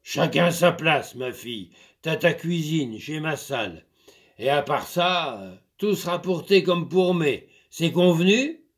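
A man voicing a gruff, bullying old farmer master who bellows and swears in rough rustic speech, in a storybook reading. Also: a little high, animated, a little slow. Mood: gruff commanding.

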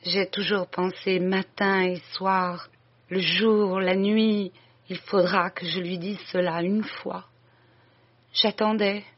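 A reader voicing an old dying woman who confesses to her sister, breathless, halting and imploring. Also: medium pitch, vocal fry. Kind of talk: audiobook reading. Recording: dull lo-fi recording.

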